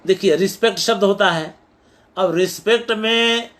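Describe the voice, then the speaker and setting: An older man teaching Sanskrit poetics in a recorded lecture, explaining slowly, repeating his points and checking that his listeners follow. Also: high voice, a bit bright.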